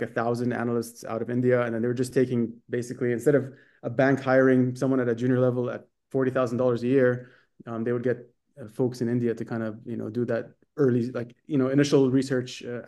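A man in his thirties, raised in Saudi Arabia and carrying a Dubai international accent from American schools, answers interview questions over a video call via webcam from a bright indoor room. A startup accelerator executive, he has a mellow, medium-pitched voice and talks quickly and fluently with frequent fillers and restarts.

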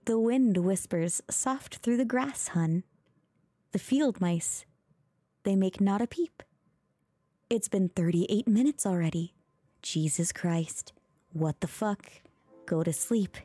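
A woman reads a bedtime storybook aloud in a soft, ASMR-style voice, unhurried and mellow in tone. She slips into whispers now and then and makes mock-exasperated asides, with faint music playing behind her. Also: medium pitch. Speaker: streamer reading aloud.

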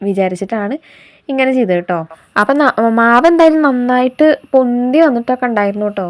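A woman with a slight head cold talks quickly through her morning routine in a chatty, homely vlog. She explains every little step as she goes, keeping a mid-range voice and an easy, friendly flow. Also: medium pitch. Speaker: vlogger and homemaker. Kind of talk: casual day-in-my-life narration while cooking.

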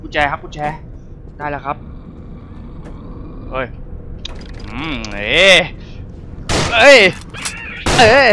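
A man's voice: on the high side, big pitch swings, slow pace, pauses often, background noise. A man commentating as he plays a horror game, talking to the monsters and yelping and swearing at the scares. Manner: jumpy, yelps and swears at scares. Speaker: gameplay streamer.

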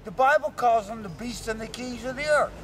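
Middle-aged man, terse halting replies, high voice, distant camera mic on a street with traffic. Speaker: interviewee. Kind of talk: street interview answers. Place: city sidewalk outdoors, sitting against a wall. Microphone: handheld camera mic from a few feet.

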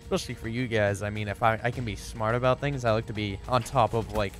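A man casually commenting on his own gameplay, chatty and excitable, talking to his viewers and to the animals in the game. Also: on the low side, quick pace, faint music behind. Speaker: gameplay streamer.

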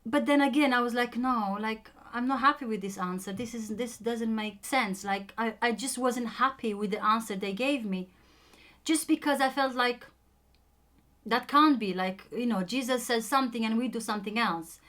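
A woman's voice: a little high, normal speed, fairly bright tone. A young woman with a Romanian accent, a native Romanian speaker telling her own story in a casual chat, hesitant and full of ums and restarts.

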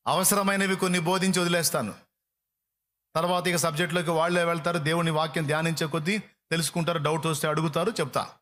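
Impassioned preacher man with a high voice. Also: fairly even intonation, quick pace. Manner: impassioned, swings from loud to hushed. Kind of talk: sermon.

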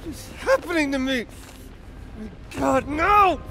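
A man's voice: high-pitched, expressive, moderate pace, a little hiss or hum. A young male actor playing a rebellious, hot-headed younger brother in a video game, crying out in panic and distress. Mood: panicked, distraught. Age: young adult. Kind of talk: dramatic video game acting.

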